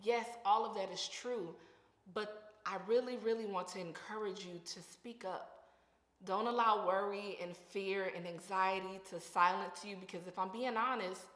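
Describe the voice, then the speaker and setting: A woman's voice: mid-range voice, normal speed, a bit bright. A young woman with a lisp, giving an earnest, slangy talk of faith-based encouragement to her viewers. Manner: earnest, conversational, slangy, with emphatic repetitions. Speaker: vlogger. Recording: echoey room with long reverb.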